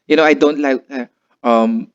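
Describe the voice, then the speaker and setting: A man's voice: mid-range voice, fairly even intonation, moderate pace, clean tone. A man with a neutral American accent, hosting a casual podcast chat, playful and teasing. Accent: neutral American English. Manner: playful, teasing, many backchannel sounds. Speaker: podcast host. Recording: dull lo-fi sound.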